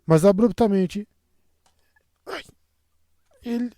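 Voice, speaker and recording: A man with a Brazilian Portuguese accent reading an audiobook in a steady, measured way. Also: sits high, no echo, studio quality. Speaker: audiobook narrator. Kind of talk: audiobook narration.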